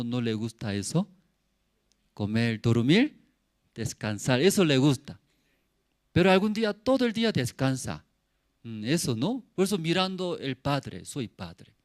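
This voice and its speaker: A man's voice: mid-range voice, dry recording. A middle-aged man preaching a sermon as pastor, in simple non-native phrasing, repeating words for emphasis and asking the congregation questions. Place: church service.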